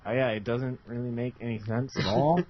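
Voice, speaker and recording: A man's voice: mid-range voice, fairly even intonation, brisk, slight background noise. A man co-hosting a casual gaming podcast, rambling with a wry, offhand manner. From United States. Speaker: podcast co-host. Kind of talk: casual chat. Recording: dull lo-fi podcast mic.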